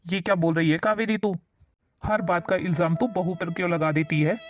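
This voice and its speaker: A woman's voice: lowish voice, fairly even intonation, moderate pace, lo-fi sound, soft background music, natural voice. A woman playing a stern but fair-minded older father-in-law who reproaches his wife and son. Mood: reproachful.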